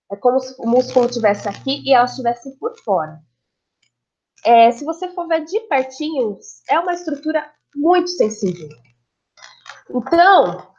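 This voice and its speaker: This woman's high-pitched, slightly mellow voice arrives through a muffled recording. As a speech therapist, she's teaching how the voice works, demonstrating sounds and checking that her listeners follow.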